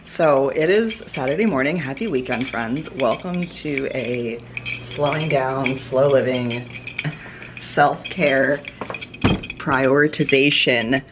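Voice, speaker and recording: A woman with a low voice talks casually to her camera from home. She is chatty and laughs easily, with plenty of "like" fillers as she chats with her viewers. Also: slow pace, noisy background. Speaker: lifestyle vlogger. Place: at home, indoors.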